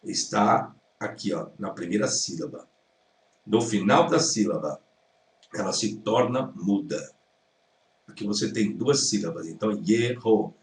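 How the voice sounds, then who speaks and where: A Brazilian man teaching Hebrew, correcting a video point by point and repeating the right pronunciations. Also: on the low side. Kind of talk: critical lecture commentary. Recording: roomy sound from a distance.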